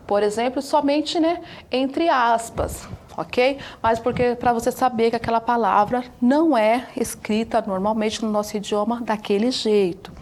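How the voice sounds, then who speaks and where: A woman's voice: fairly high pitch, a little mellow, a little hiss or hum. A woman with a Brazilian accent teaching a televised school lesson from a studio, explaining patiently and often checking in with her listeners. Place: broadcast studio.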